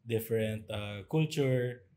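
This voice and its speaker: A man co-hosting a relaxed podcast conversation. He tells his stories in an animated way and slips into playful impressions of other people. His voice sits at an ordinary middle pitch for a man. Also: takes it slowly, crowd noise. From Zamboanga, Philippines. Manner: animated storytelling with playful mimicry. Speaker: podcast co-host. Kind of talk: casual chat.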